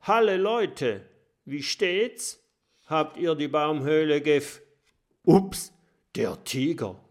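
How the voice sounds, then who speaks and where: A man's voice: mid-range voice, sing-song, very slow, a bit bright, heavily acted. A man voicing a cheerful, carefree young dragon who loves food in a children's story. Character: cheerful greedy young male eating dragon.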